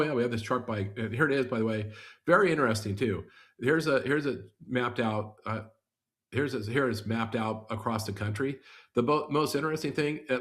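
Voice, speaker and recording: A man co-hosting a podcast, explaining data and charts in a rambling, casual way. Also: mid-range voice. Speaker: podcast co-host.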